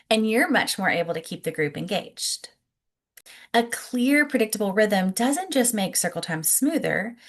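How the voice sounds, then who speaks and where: A woman presenting scripted teaching tips as an early childhood educator, explaining clearly and encouragingly and speaking directly to the listener. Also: fairly high pitch. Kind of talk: instructional presentation, scripted narration to camera.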